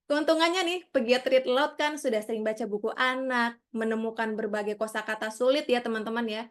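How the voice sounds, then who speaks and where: A woman leading an online public speaking workshop over a video call, friendly and coaxing as she calls on participants. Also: a little high.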